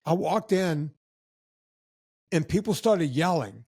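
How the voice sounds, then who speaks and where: A man tells stories on a podcast in a fairly high voice and acts out the people in them as he goes. The sound is dry and close, with no room echo. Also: takes it slowly, husky. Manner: animated anecdotes with acted-out quotes of other people. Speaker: podcast guest. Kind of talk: casual storytelling.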